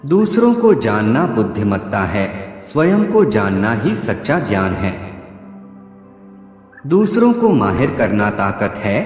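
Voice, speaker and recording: Reading motivational sayings from a script, a man speaks in brief, measured phrases with expressive, lively shifts in pitch. His voice echoes as if in a large hall, and background music runs behind him.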